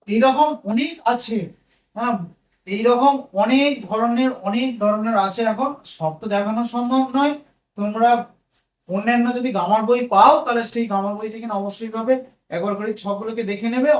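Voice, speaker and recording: A man teaching English grammar to students, patiently spelling words out letter by letter. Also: extremely high pitch. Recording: echoey room, mic at a distance.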